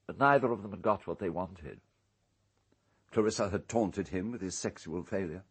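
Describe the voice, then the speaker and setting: Voicing an urbane, calculating English island owner in a radio play, the male actor speaks low with a breathy edge. His delivery is measured, precise and coolly unrepentant as he gravely recounts what happened.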